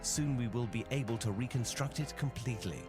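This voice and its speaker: An actor playing Sherlock Holmes as a grave, analytical detective in a video game, speaking in a measured, formal way. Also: male voice, mid-range voice, close to an everyday voice. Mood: analytical, composed. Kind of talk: video game cutscene acting. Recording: loud music under the voice. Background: music.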